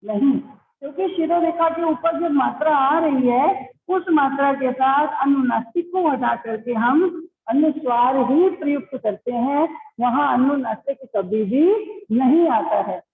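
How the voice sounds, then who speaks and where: Over echoey, phone-like online audio with a slight hiss or hum, a woman who teaches Hindi speaks a little slowly in a high voice. She calls her pupils "beta," patiently explains, and keeps asking them questions.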